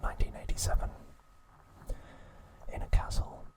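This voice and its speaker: The speaker is a male ASMR host. His narration is a quiet, breathy whisper, soothing and unhurried.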